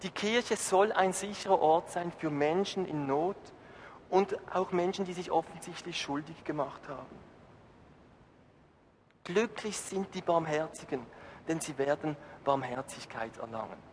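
High-voiced man preaching in a hall. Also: a little slow. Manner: asks the congregation questions; emphatic, rising and falling. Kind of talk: sermon. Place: church hall. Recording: reverberant hall, faint noise.

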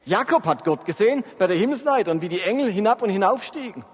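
A man's voice: high voice, animated, quick pace, slightly rough. A man preaching a sermon and often asking his listeners whether they are following. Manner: addresses the congregation with frequent check-in questions. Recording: long hall reverb.

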